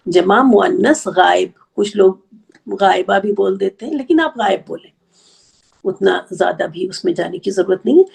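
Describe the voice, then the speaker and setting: A woman teaching an Arabic grammar class, explaining patiently step by step and counting slowly aloud. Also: on the high side, creaky, slightly rough. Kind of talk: online class lecture.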